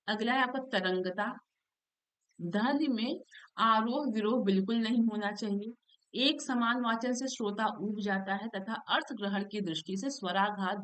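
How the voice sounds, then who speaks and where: A woman's voice: mid-range voice, a bit bright, clear, resonant tone, low-quality recording. A woman teacher going through exam questions in a lesson, explaining each answer patiently and often checking in with her listeners.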